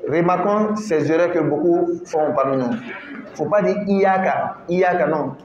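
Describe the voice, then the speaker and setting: A man teaching a Ramadan class on Quran recitation in a mosque, drilling each word's pronunciation slowly, syllable by syllable. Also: on the high side, a little mellow. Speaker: religious teacher. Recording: echoey, muffled room recording.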